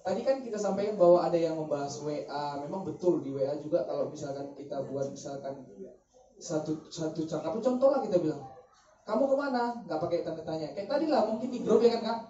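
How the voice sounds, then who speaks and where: A man moderating a group discussion, hesitant and pausing with fillers. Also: fairly high pitch, warm tone, lo-fi sound. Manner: hesitant, fills pauses. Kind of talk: casual moderating. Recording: distant mic in echoey room with crowd.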